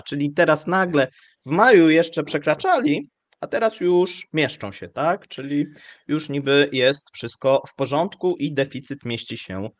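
A man talks through economic news at an even, measured pace, pausing often on fillers as he works through figures. His voice sits in the middle range, and the recording is dry and close. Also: mid-range voice, no echo. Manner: measured, hesitant with frequent fillers. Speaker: show host. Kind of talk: live economic commentary.

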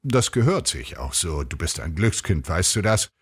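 A man's voice: low-pitched, sing-song, normal speed, husky, heavily acted. A man playing a smug, teasing husband. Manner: teasing, self-satisfied.

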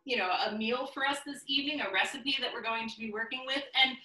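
A woman's voice: on the high side, fast, pushed and bright, echoey room. A woman hosting a live online cooking class on a video call, chatty and upbeat with lots of fillers. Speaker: host.

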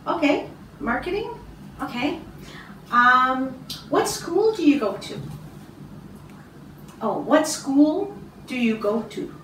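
A middle-aged woman from Canada, an English teacher giving a speaking test, slow and encouraging with many ums and throat clears. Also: sits high, very animated, a bit bright, a little hiss or hum. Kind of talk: slow, patient test interview. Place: small classroom office, indoors. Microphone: far camera. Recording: roomy, distant camera sound.

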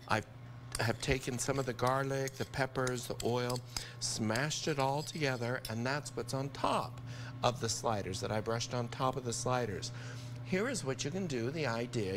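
A man's voice: medium pitch, background noise. An older man, a TV chef, talking viewers through a recipe in a studio kitchen, upbeat and enthusiastic. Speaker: TV cooking chef. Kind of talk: live TV cooking demo.

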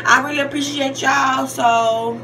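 A Georgia woman in her twenties with a Southern US accent answers questions for her YouTube vlog, talking casually and repetitively in slang. Her high-pitched voice has a sharp tone, fairly even intonation, and an unhurried pace. The low-quality recording carries a little hiss or hum.

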